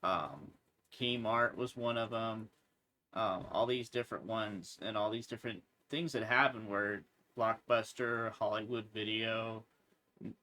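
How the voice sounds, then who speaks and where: A man's voice: lowish voice, a little slow, bright, forceful tone. A man in his mid-thirties co-hosting a podcast, talking in an easygoing, agreeable way with frequent "yeah"s and restarts. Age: 30s. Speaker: podcast co-host. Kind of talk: casual chat.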